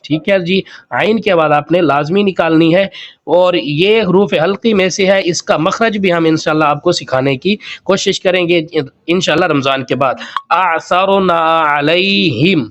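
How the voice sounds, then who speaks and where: A man teaching Quran recitation word by word, spelling each word letter by letter and drawing the sounds out slowly. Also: high-pitched. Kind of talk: word-by-word tajweed lesson.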